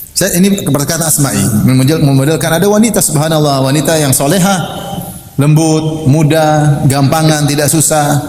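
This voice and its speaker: A man preaches an Islamic sermon, animated and playful, slipping into the voices of the wives and husbands he quotes. His voice sits a little high. The recording carries the long reverb of a large hall with faint noise behind.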